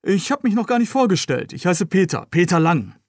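A friendly young man who jokes his way through a muddy rescue, read aloud by a man. His voice sits a little high and sounds close and dry, like a storybook reading. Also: very animated, brisk, a little mellow, dry recording, full character voice. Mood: cheerful. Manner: cheerful, joking. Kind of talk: read-aloud novel dialogue.

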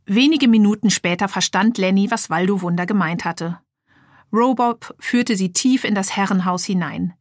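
A woman narrating a children's audiobook with lively, clear storytelling. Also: medium pitch, no echo, studio quality.

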